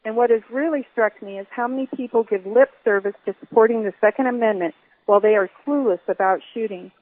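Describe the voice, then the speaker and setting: A woman's voice: a little high, fast talker. Older woman testifying over a tinny phone. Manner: firm and emphatic. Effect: heard over a telephone speaker. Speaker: public commenter at a hearing. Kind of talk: prepared public testimony.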